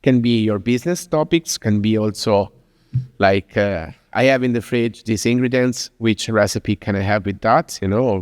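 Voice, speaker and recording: At a Lisbon venue, a business-talk speaker from Italy addresses the audience in English with a lowish voice and an Italian accent, casually and with many fillers and restarts. The recording is dry and of studio quality, in a large hall.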